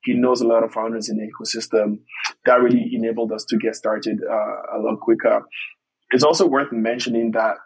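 This is a man giving conversational interview answers. His voice is husky and gravelly, with little rise or fall in pitch. He explains things hesitantly, feeling his way through each point. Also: flat delivery, brisk, poor audio. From Togo. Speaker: podcast guest, startup investor.

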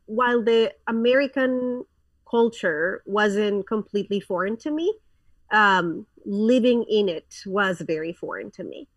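A woman's voice: medium pitch, unhurried, no room sound, recorded from a distance, muffled recording. Woman from Colombia, thirties, interview guest, earnest and frank, set back from the mic, dry sound. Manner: earnest, frank, with frequent fillers and restarts. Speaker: guest, pastor. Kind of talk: casual interview conversation.

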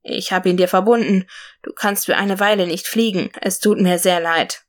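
A woman's voice: medium pitch, steady tone, moderate pace, close to an everyday voice. Brave male forest warrior, earnest and solemn, storybook hero, read by a woman.

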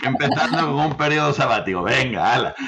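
A man hosting an interview podcast, jokey and quick to laugh along with his guest. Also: mid-range voice, expressive, vocal fry, over a noisy crowd. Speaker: podcast host. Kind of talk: casual interview chat. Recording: dull lo-fi audio.

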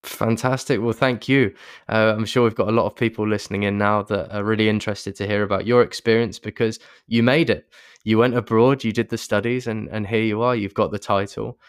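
A man's voice: on the low side, fairly even intonation, fairly quick, smooth, no room sound, clean studio sound. A man hosting an interview, asking questions with encouraging, upbeat prompts. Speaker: interview host.

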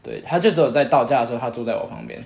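A man's voice: medium pitch, racing, gravelly, darkish tone. A young man with a Taiwanese accent, chatting casually as a co-host. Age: young adult. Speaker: podcast co-host. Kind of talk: casual chat. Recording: roomy, echoing indoor sound.

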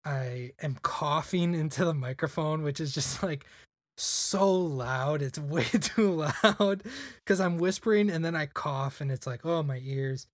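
This young podcast guest's voice sits on the high side and moves a little slowly, captured dry with studio quality. He rambles through casual conversation, leaning heavily on "like."

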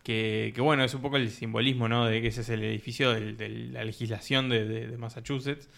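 A man's voice: medium pitch, fairly even intonation, brisk, vocal fry, fairly bright tone. A man sharing film trivia in a casual chat, often restarting his phrases. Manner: shares trivia, hesitant restarts.

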